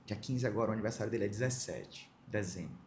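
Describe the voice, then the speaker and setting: A man's voice: fairly low pitch, fast talker, darkish tone, roomy sound, a little hiss or hum. Brazilian man telling a heartfelt story. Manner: emotional, vivid storyteller acting out quoted dialogue. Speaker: guest. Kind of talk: personal storytelling in a podcast interview.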